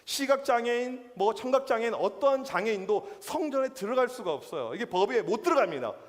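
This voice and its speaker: A male youth pastor preaching a casual, lively sermon to teenagers, teasing them and using slang. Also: extremely high pitch, fairly quick. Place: church sanctuary. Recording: reverberant church hall.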